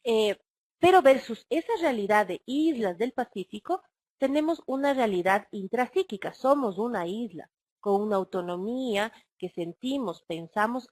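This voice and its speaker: A woman's voice: a little high, dry recording. A woman with an Ecuadorian Spanish accent giving a recorded online lecture on family counseling, explaining and addressing listeners with rhetorical questions. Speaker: webinar speaker on family counseling.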